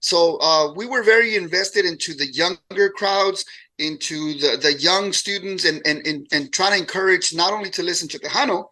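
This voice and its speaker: A man in his late forties, born in Mexico and raised in Houston, chatting as a musician guest in a relaxed interview and often repeating words as he talks. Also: high voice, moderate pace. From born in Mexico, raised in Houston, Texas. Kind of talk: casual interview chat.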